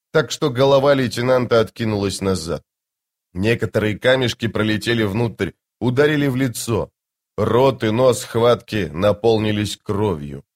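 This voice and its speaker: A man reading a fantasy novel aloud with dramatic energy. His voice moves lively up and down in pitch, and he slows for tense moments. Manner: dramatic, slowed for tension. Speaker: audiobook narrator. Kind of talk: dramatic audiobook narration.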